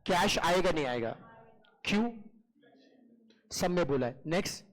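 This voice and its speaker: A man with a high voice teaches accountancy in an online class. He keeps asking his students short questions and answers them himself. He calls them "beta" in a familiar way. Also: expressive, a little slow, poor audio.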